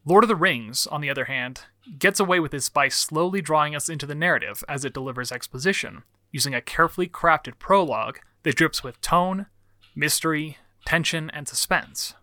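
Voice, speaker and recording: Male essay narrator, slightly high and bright, dry close sound, articulate scripted delivery over music. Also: no room sound.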